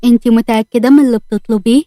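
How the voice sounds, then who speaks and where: A woman's voice: fairly high pitch, steady tone, quick pace, a little mellow, no room sound, studio quality, natural voice. A woman voicing a harsh husband who refuses a divorce, speaking with an Egyptian accent in a cold, threatening way. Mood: mocking. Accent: Egyptian Arabic.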